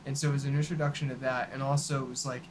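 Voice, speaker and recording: A man, a guest in a casual music chat, explaining points in a relaxed way that often trails off softly. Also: mid-range voice, rapid-fire. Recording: audible background hiss.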